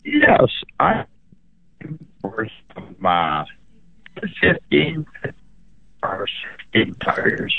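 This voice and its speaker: A man calling in to a radio show over a phone line that keeps cutting out, speaking in halting bits. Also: fairly low pitch, huge pitch swings, creaky, no echo. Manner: halting, hesitant speech. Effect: glitching, cutting-out phone audio. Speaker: radio call-in caller. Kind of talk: casual call to a radio buy-and-sell show. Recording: tinny phone line breaking up.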